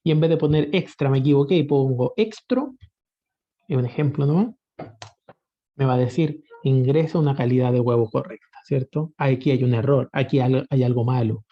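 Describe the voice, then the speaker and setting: A man's voice: mid-range voice, fairly even intonation, fairly quick. A man teaching a spreadsheet lesson, patiently asking rhetorical questions and often checking that students follow. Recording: dull lo-fi recording.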